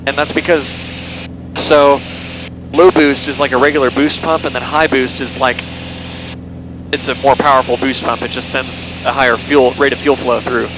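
Speaking at a moderate pace in a medium-pitched voice, a young man walks listeners casually around the cockpit of a small plane mid-flight. He's conversational and loose, using fillers and correcting himself, while his headset boom mic picks up a constant engine drone over the intercom.

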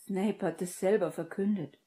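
A woman reading an audiobook and voicing a gentle young witch who speaks softly and with concern. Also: medium pitch, steady tone, normal speed, pitched above the performer's own voice, natural voice. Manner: soft, quiet, concerned.

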